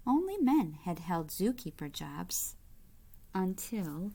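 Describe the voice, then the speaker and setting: A woman with a low, creaky voice reads a children's picture book aloud in a teacherly style, her phrasing expressive and measured, with short asides directed at young listeners.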